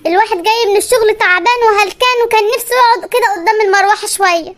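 A woman's voice: very high-pitched, very fast, fairly bright tone. A performer voicing a grumbling husband in a cartoon comedy, speaking with an Egyptian Arabic accent and scolding his wife. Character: grumbling middle-aged husband Hamokesha, gruff and testy.

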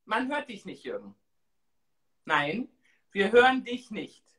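A woman in her forties hosting a casual live stream, chatting in an expressive, exclamatory way. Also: mid-range voice, slow pace. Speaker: host of a live-stream talk show. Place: small tiled room indoors.

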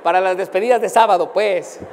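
A man's voice: high voice, fairly quick, a little hiss or hum. Man preaching in a reverberant hall. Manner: animated anecdotal storytelling. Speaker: pastor. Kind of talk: storytelling sermon.

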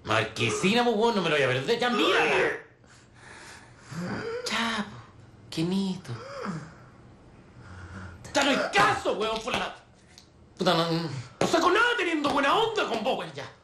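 An actor playing a brutal, mocking male soldier with a Chilean accent, coarse and slangy, breaking into yells. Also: sits high, very animated, measured pace, long pauses, echoey room, noisy background. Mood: taunting. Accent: Chilean Spanish. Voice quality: coarse slangy bullying talk, swings to yelling. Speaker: military interrogator. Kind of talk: film drama.

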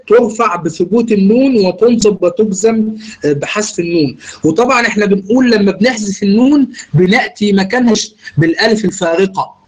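A man's voice: high voice, poor audio. A man with an Egyptian Arabic accent teaching a grammar lesson, explaining step by step and quizzing his students.

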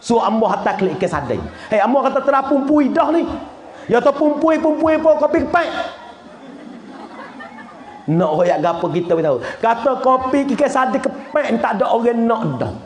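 A religious teacher with a high voice gives a joking lecture, laughing often and breaking into shouts. His voice rings in an echoey room over a faint background hiss. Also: very animated, moderate pace, a faint crowd.

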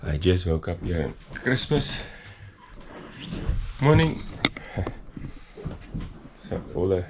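A man chats to camera from a sailing catamaran, tired and unhurried. His pace is slow and drawn out, with frequent laughs and restarts. Faint background noise sits behind him. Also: low-pitched. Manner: relaxed, laughing, stop-start. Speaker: sailing vlogger. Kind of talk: casual chat to camera.

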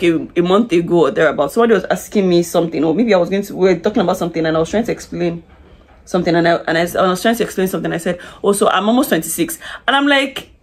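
Her lowish, husky voice carries a chatty, confiding get-ready-with-me session. She's a beauty vlogger in her twenties applying makeup in a small curtained room, speaking to a camera right in front of her and often restarting or saying "like."

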